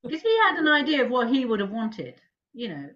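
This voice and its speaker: A woman's voice: fairly high pitch, sing-song, a little fast, fairly bright tone. Chatty woman telling stories in an interview, voice jumps up when quoting herself, bit muffled recording. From England. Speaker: jazz singer, guest. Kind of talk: casual storytelling interview. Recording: slightly dull lo-fi sound.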